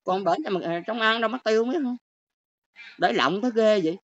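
On a livestream, an older Southern Vietnamese-accented woman lectures and rants at her viewers, scolding and exclaiming. Her voice is fairly high-pitched and quick. The stream audio sounds dull and lo-fi.

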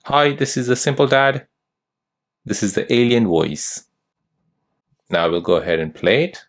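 A young man narrating a step-by-step phone tutorial as host, giving steady instructions. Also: mid-range voice, a little slow.

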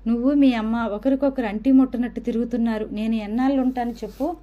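A tender, sorrowful elderly grandmother, voiced by a woman narrator in a spoken audio novel. Her tone is mellow and fairly high. The recording sounds a bit dull and lo-fi. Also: fairly even intonation, fast, natural voice. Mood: sad, tender. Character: elderly grandmother, frail, gentle and worried.

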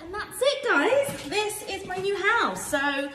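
A woman's voice: very high voice, takes it slowly, loud music behind the voice. A woman in her thirties giving a playful, chatty vlog tour of her empty new house, filmed on a phone. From England. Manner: chatty, playful, lively tour-guide banter. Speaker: vlogger. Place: empty house with bare rooms and wood floors. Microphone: phone held at arm's length and on a tripod. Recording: echoey empty rooms, noticeable noise.

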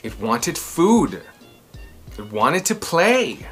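This thirties-aged man leans high in pitch and sing-song, stretching out his words as he performs a dramatic, emphatic children's read-aloud. He's indoors in a small, furnished home room, and soft music plays in the background.

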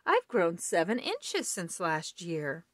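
A huge, gentle young bird boy from a storybook, read by a woman, polite and proud of himself. The voice rises and falls in lively swings and sits close and dry, with no room around it. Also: lowish voice, takes it slowly, no echo, exaggerated voice. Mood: eager.

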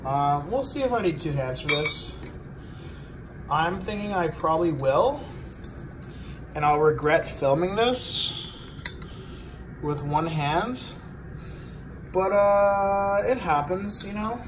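A man's voice: sits high, animated, takes it slowly, long pauses. A young man who sounds drunk, chatting loosely and profanely as he cooks at home. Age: young adult. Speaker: amateur home cook. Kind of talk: casual profane cooking chat. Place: home kitchen, indoors. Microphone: handheld phone. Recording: noisy handheld phone, kitchen clatter. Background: pans and cutlery clattering.

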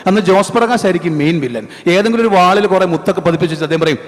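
Lively stage mimicry comedian. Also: male voice, sits high, rapid-fire, slight background noise. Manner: lively, conversational. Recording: echoey stage hall.

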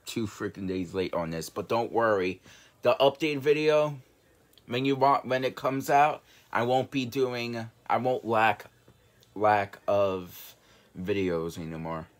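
A young man chats casually as a reaction video host. His voice is on the low side and his delivery is rambling and halting, recorded at a desk in a bedroom. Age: young adult. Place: small bedroom, indoors.

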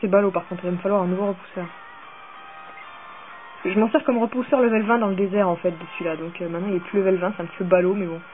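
A woman with a medium-pitched voice speaks quickly as she plays a video game and offers casual commentary. Excitable and rambling, she swears as she gets worked up. The audio is tinny and phone-like, with faint music playing.

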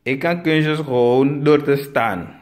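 A man from Suriname with a Surinamese Dutch accent, telling a comic story and acting out the dialogue, with sudden high bursts. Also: takes it slowly. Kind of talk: storytelling comedy.

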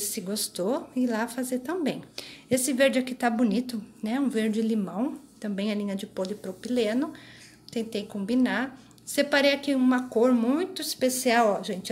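A woman's voice: a little high, darkish tone, a little hiss or hum. A woman in her thirties hosting a casual crochet vlog, chatting to viewers with frequent tag questions while filming on a handheld phone in a small craft room. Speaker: crochet channel host. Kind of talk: casual show-and-tell vlog. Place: small craft room indoors, later tabletop close-ups. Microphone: phone held in hand.

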